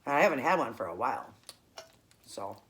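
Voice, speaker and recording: A woman's voice: very deep voice, very animated, fairly bright tone, a little hiss or hum. A middle-aged American woman with a tongue piercing, chatting casually to viewers while she eats. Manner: talking while eating, with pauses to chew. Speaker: host of a keto eating show.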